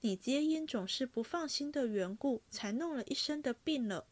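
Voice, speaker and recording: A woman reading aloud and voicing an earnest, impulsive young nobleman who talks in a quick, eager, pleading way. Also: on the high side, expressive.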